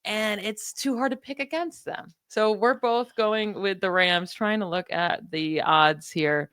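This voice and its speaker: A woman with a New York accent co-hosting a sports podcast, chatting casually and confidently, dropping stats with quick asides. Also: mid-range voice, steady tone, fairly bright tone, smooth, dry recording. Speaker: podcast co-host.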